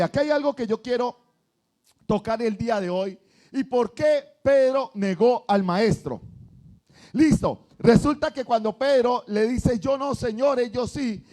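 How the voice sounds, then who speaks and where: A man preaches a sermon in a church. His voice sits high for a man. He talks animatedly and acts out what churchgoers say. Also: dark tone. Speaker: pastor.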